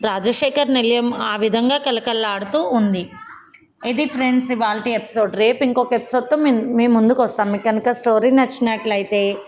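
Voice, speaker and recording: Fairly high-voiced woman storyteller. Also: normal speed, a little mellow, slight background noise. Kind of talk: serialized family story reading.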